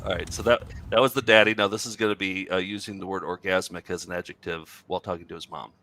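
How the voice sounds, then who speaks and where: Man co-host, bright voice, playful and chatty, explains the gag at length. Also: sits low, fairly even intonation, fast talker, a little hiss or hum. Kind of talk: comedic banter.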